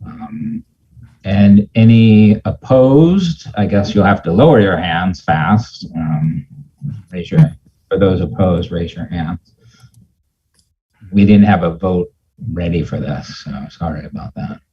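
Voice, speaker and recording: A man chairing an online meeting in an informal, hesitant and apologetic way, halting often, with muffled audio. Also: deep voice, lively intonation, a little hiss or hum. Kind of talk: informal procedural meeting talk. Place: remote video meeting.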